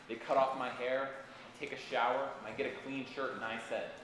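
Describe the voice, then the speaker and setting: A man playing an elderly male camp survivor, speaking haltingly and repeating phrases on a stage. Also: mid-range voice, flat delivery, natural voice. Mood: grieving. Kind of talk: stage testimony monologue. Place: school stage. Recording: echoey hall, mic far off.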